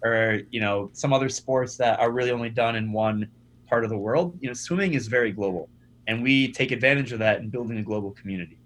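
A young startup founder speaks casually as a guest on a podcast interview, full of energy and frequently repeating the first words of his sentences. His voice is medium-pitched and his pace is quick.

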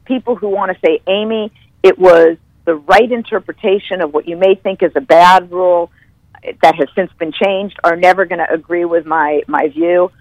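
A woman football analyst telling stories as a podcast guest, animated and stopping to correct herself. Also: on the low side, moderate pace, no echo, highs cut off. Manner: animated storyteller, corrects herself mid-sentence. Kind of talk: podcast interview.

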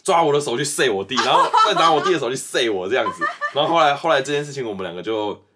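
A man's voice: medium pitch, animated, rapid-fire, heavy background noise. A young man, co-hosting a casual podcast chat, joking and chatty as he tells stories. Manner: joking, chatty, reacts with quips. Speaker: podcast co-host.

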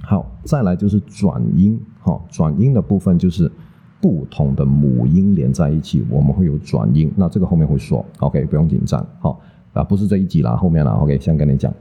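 A man's voice: a bass voice, animated, brisk, creaky, breathy edge, muffled recording. A man teaching English pronunciation in a casual, chatty lesson, tagging "OK" onto nearly every phrase. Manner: chatty, peppers speech with "OK" and "好不好".

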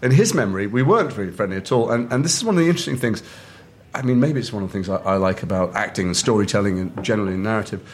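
A middle-aged man from England, an actor telling lively anecdotes over lunch and acting out the other people's lines. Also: on the low side, racing. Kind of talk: casual chat, animated anecdote. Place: restaurant table.

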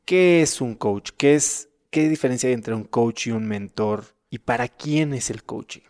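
A man hosting an interview, asking reflective, measured questions. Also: mid-range voice, a little mellow. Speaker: host, interviewer.

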